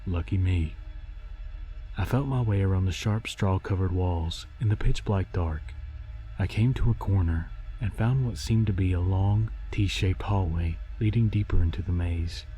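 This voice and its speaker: A man narrating a scripted scary story in a haunting, deliberate storytelling voice. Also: low voice, warm tone. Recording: music behind the voice. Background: music.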